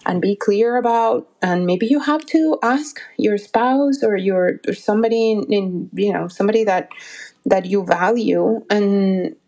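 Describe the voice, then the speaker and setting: A woman's voice: medium pitch, a little slow, warm tone. Earnest woman in her forties, encouraging. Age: 40s. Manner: earnest, encouraging, searching for words with restarts. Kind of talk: motivational solo talk.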